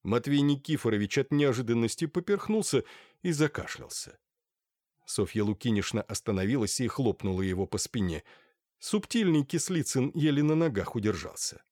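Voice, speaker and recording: A man reading a novel aloud in a lively, expressive way. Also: mid-range voice, moderate pace, no echo, clean studio sound. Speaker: audiobook reader. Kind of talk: scripted narration.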